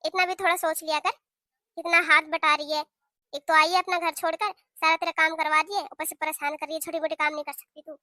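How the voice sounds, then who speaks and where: A stern mother-in-law who lectures her daughter-in-law at length, voiced by a woman for a cartoon. The voice sits very high and bright, close to the mic with no room sound. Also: little pitch movement, brisk, no echo. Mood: scolding. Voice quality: lecturing, scolding. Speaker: cartoon voice actor. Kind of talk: cartoon voice acting.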